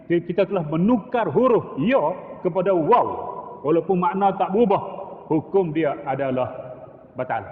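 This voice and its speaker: A middle-aged male religious teacher, lecturing in a mosque on correct recitation and chanting Arabic phrases as examples. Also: sits high. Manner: demonstrates recitation, chanting Arabic phrases between plain explanation. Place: mosque hall. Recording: tinny echoey hall recording.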